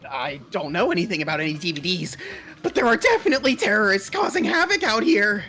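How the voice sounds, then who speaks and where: A woman's voice: medium pitch, expressive, fast, bright, forceful tone, soft background music. A woman voicing a scheming, teasing robot bear who holds students hostage, in a casual fan dub. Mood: taunting.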